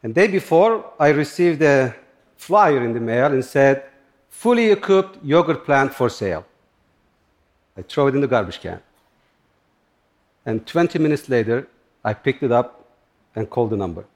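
A middle-aged man from Turkey, speaking halting in short phrases as he tells a personal story on stage. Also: mid-range voice, big pitch swings. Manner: plain, halting non-native English with short phrases. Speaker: speaker giving a talk.

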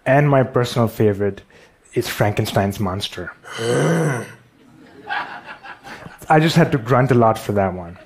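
A man's voice: fairly low pitch, lively intonation, moderate pace. Pakistani-accented guy giving a talk, wry, self-deprecating jokes. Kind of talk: storytelling conference talk.

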